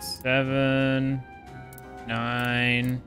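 A man's voice: mid-range voice, completely flat delivery, extremely slow, fairly bright tone, faint music behind. A young man casually commenting while playing a video game, joking and sometimes swearing. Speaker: streamer.

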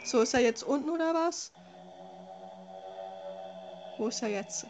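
A woman's voice: high voice, expressive, fast talker, a little mellow, soft background music. A woman giving casual commentary as a scared, exasperated horror game streamer who curses at the game. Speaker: let's play streamer.

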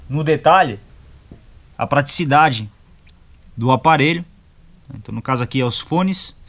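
In an indoor motorcycle gear shop, a young Brazilian-accented man reviews a product with a medium-pitched, fairly bright voice. He explains it step by step in an easygoing, colloquial manner, checking in with short tags along the way.

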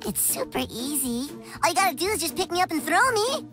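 Cartoon slacker boy hero: very high, animated, goofy and slangy. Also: fairly quick. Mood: pleading. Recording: music behind the voice.

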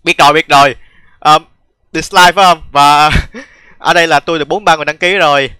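A man's voice: a little high, steady tone, fast talker, bright, forceful tone, clear, resonant tone, no room sound. A young man, laughing often and poking fun at himself while reacting to his old gaming videos. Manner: laughs often, self-mocking and chatty. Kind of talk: casual reaction commentary.

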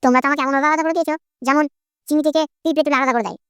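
A woman's voice: high-pitched, steady tone, racing, very noisy. A woman voicing a sulky, bratty grown son in a cartoon, whining and complaining about his family. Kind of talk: comic Bengali cartoon voice acting.

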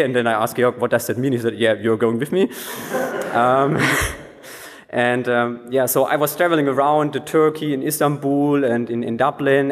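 A man telling a personal story at a conference, hesitant, with many fillers and restarts. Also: medium pitch. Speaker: conference speaker. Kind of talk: anecdotal conference talk. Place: conference hall. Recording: long hall reverb.

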